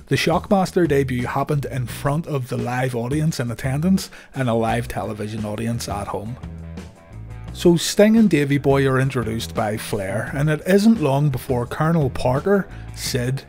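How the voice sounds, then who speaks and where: A man giving scripted documentary narration in a steady storytelling delivery. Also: mid-range voice.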